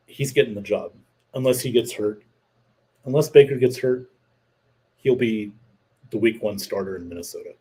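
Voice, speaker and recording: A man's voice: lowish voice, a little mellow, slightly rough. A man hosting his own show, giving opinionated, rambling sports talk to a live chat audience. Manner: opinionated, rambling with fillers, reads chat comments aloud. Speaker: host. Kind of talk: casual livestream sports talk.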